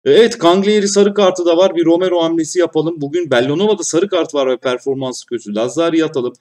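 A man narrating his football manager save in a lively, running commentary. He swings between loud cheering at goals and low, muttered frustration at errors. His voice sits a little back from the microphone. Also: fast, recorded from a distance. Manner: excitable, shouts at goals, grumbles at mistakes. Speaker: gaming YouTuber.

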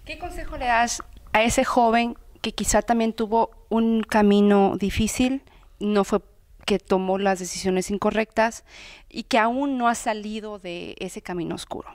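A woman's voice: mid-range voice, measured pace, no echo. A woman interviewer asking questions in Spanish with some English mixed in. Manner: switches between Spanish and English. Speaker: entertainment interviewer.

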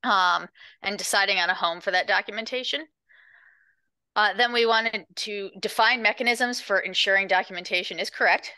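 Bright, crisp woman on a video call. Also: mid-range voice, dry recording. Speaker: breakout group reporter. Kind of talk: meeting report-out on a video call.

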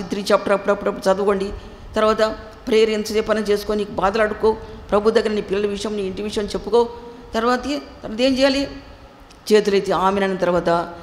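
A woman preacher delivering an emphatic sermon with a Telugu accent, repeating phrases and asking the listeners rhetorical questions. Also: medium pitch. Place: church hall. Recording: echoey hall with faint noise.

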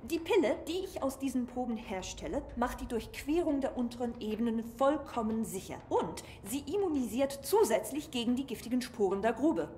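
A woman's voice: a little high, expressive, normal speed, few pauses, warm tone, slight background noise, close to an everyday voice. An actress playing a curt, pedantic female scientist in a video game, explaining things in a matter-of-fact, clinical way. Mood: clinical, explanatory. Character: brusque, clinical female scientist in a hazmat suit. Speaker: scientist character. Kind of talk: dubbed video game dialogue.

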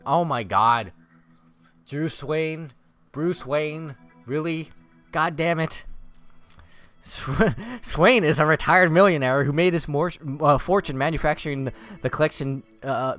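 Male let's-play host: reads game text, sarcastic asides, very animated delivery, faint music bed. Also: mid-range voice. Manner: sarcastic, swears and laughs at the story. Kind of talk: casual game commentary, reading game text aloud.

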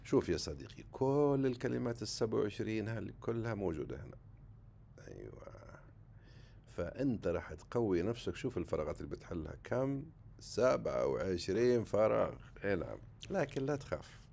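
A man runs a casual exam-prep vocabulary lesson, talking in a low, gravelly voice. He chats loosely and draws out each English word slowly. A faint hiss of noise sits under his voice. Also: sing-song, darkish tone. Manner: casual, chatty, jumps between Arabic and English, slow deliberate English words.

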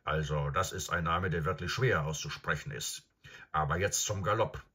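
A man reading aloud and voicing a proud, bossy male talking warhorse with a husky, teasing manner. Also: low voice, moderate pace, exaggerated voice. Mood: teasing, commanding. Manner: lively, teasing, loud commands.

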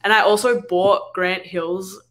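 A woman's voice: medium pitch, level tone, measured pace, a bit bright. A young woman with an Australian accent, co-hosting a casual podcast chat, talking in a rambling way with lots of fillers and restarts. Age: young adult. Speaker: podcast co-host.

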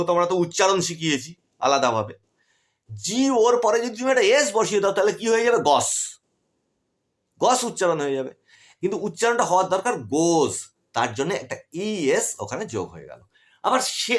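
A man with a Bengali accent gives an online grammar class. His voice sits high for a man and swings widely up and down. He keeps asking questions and answering them himself, with a brisk teacher's drive. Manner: lively, rises and drops sharply in pitch, asks questions then answers them.

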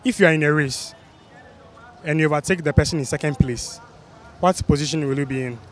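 High-pitched young man, West African accent. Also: fairly quick, crowd noise. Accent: West African, Ghanaian. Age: young adult. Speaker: street quiz host. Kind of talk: street interview, repeated quiz questions. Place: busy outdoor spot under a city flyover. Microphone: handheld microphone.

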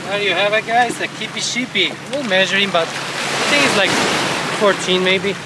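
A middle-aged man narrates his fishing vlog in a fairly high, chatty voice, calling his viewers "guys." He is recorded outdoors on a seaside jetty by a chest-mounted action camera, and loud surf and wind roar behind him. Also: moderate pace. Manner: chatty, addresses viewers as guys, excited when a fish bites. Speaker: fishing vlogger. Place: rocky jetty on a beach by the sea, outdoors. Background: loud waves and wind.

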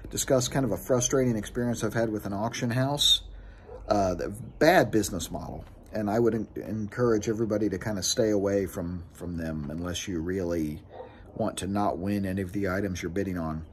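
A man's voice: fairly low pitch, brisk, a little hiss or hum. A man in his thirties giving a casual, frustrated vlog rant to his phone camera outdoors on his porch, gesturing with his hands as he talks. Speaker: sports card collecting vlogger. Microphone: phone camera close up.

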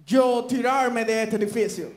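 A man's voice: very high voice, unhurried, reverberant. A man voicing an American construction worker who speaks clipped, broken Spanish. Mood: boastful.

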